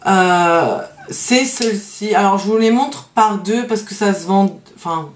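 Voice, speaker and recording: Slow, hesitant woman beauty vlogger. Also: medium pitch, reverberant, slight background noise. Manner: hesitant, many fillers and trailing "donc voilà"; enthusiastic about favorites. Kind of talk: casual show-and-tell vlog.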